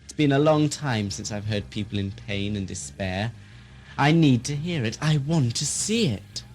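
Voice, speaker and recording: Guy acting a cruel imperious warlord villain, audio drama, pitch all over the place, very theatrical. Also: expressive, moderate pace, a little mellow, slight background noise, natural voice. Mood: cruel, ranting. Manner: commanding, menacing, theatrical. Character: tyrannical, sadistic male warlord, imperious and quick to fury.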